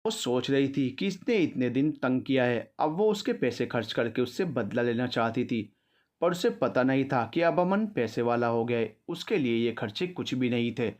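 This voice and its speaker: A man narrating a scripted story in a steady, even storytelling manner. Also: medium pitch, moderate pace.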